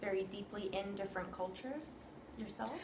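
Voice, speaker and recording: A woman conducts an interview, asking gentle, curious questions and encouraging her guest with soft affirmations. Her voice is roomy and echoey, with background noise clearly audible. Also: mid-range voice, normal speed. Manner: attentive, asks gentle questions, frequent soft backchannels. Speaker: interviewer, violinist. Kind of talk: casual interview. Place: room in New York.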